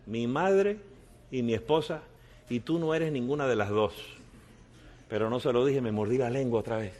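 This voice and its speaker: A man preaching as a pastor, telling a story with hushed asides that build to loud, fervent preaching. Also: medium pitch, moderate pace. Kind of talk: sermon with storytelling. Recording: long hall reverb.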